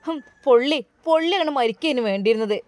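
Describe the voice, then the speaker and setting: A woman's voice: sits high, expressive, fast talker, a little mellow, no room sound. A woman voicing a cruel, spiteful middle-aged mother who snaps scornfully, in a Malabar accent. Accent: Malabar Malayalam. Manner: scornful and snapping.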